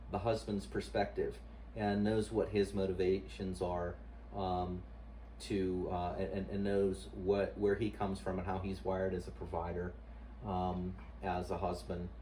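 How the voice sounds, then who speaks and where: A man with a fairly low voice gives casual interview answers as a husband. He speaks haltingly, often repeating words while he looks for the next one. The mic is some way off, with a little background noise. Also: little pitch movement, warm tone. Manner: hesitant, searching for words, repeating himself. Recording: distant mic, noisy room ambience.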